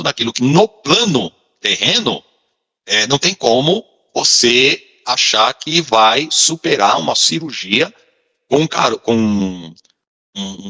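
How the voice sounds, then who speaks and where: A man acting as a pastor, explaining a spiritual teaching in a lively, explanatory way. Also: mid-range voice, breathy edge, in a large hall. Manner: explanatory, animated. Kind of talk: teaching commentary in conversation.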